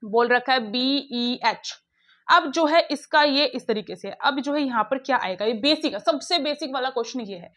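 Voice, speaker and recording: A woman teacher explaining puzzles step by step in a brisk, coaxing way, talking straight to her students. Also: high voice, a bit bright. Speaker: online teacher. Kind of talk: classroom lesson explaining puzzles.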